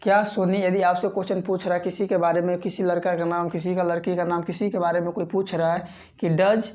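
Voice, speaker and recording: A man from Bihar, teaching a spoken English lesson. He repeats example sentences slowly and keeps checking in with viewers as friends. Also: high voice, a little mellow. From Bihar, India. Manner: repetitive drilling, reads example sentences slowly.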